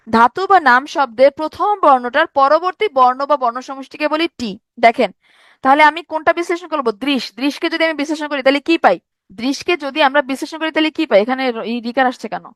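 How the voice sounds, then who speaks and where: A woman teaches an online grammar lesson. She is lively and teasing as she quizzes her students. The sound is close and dry, with no room echo. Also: high-pitched.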